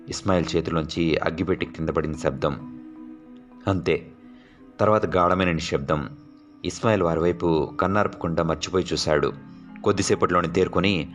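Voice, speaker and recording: Low-voiced guy narrating a spooky story, does little voice changes for the characters, quiet music behind. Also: dull audio. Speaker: audiobook narrator. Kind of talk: scripted horror story narration.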